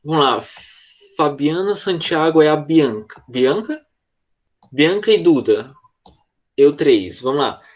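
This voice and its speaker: A man's voice: fairly high pitch, animated, slow, long pauses. A man with a Brazilian Portuguese accent teaching an online class to children, explaining patiently and checking in often over a video call. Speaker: English teacher.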